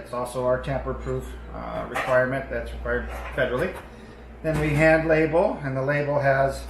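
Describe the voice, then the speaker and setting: A man with a mid-pitched voice gives a guided tour in a plain, explanatory way, going step by step. The space around him is clearly echoey, and a faint layer of noise sits behind his words. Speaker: distillery owner and tour guide. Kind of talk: informal guided tour narration.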